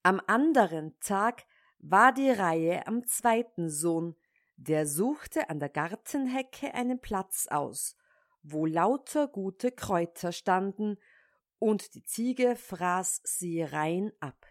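A woman reads an old fairy tale aloud in a calm, measured way. She takes her time, letting each line settle at a slow pace. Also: mid-range voice. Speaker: storyteller.

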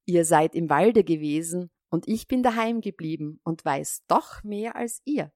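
A woman voicing a kind youngest brother in a fairy tale, speaking calmly and in a measured way. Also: lowish voice, dry recording, studio quality, lightly acted.

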